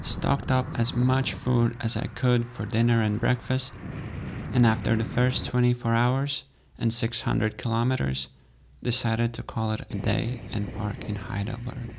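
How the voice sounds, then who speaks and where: A young man from Latvia, giving calm, matter-of-fact voice-over narration of his own journey. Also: medium pitch, measured pace, vocal fry, noisy background. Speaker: cyclist recounting a race. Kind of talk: scripted narration.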